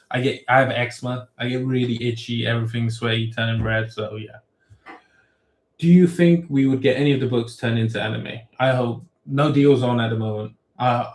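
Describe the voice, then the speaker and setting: A man, an author hosting a casual livestream Q&A, reading viewer questions aloud and giving rambling, off-the-cuff answers. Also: mid-range voice. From grew up in England, born in Thailand. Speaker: web novel author hosting a Q&A. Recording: roomy echo.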